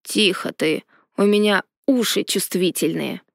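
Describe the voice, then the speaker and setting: A woman's voice: mid-range voice, a little slow, creaky, dry recording, studio quality. A woman voicing a grumpy, sly male dragon in human form who grumbles and snaps. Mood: snappish. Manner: grumbling, snapping.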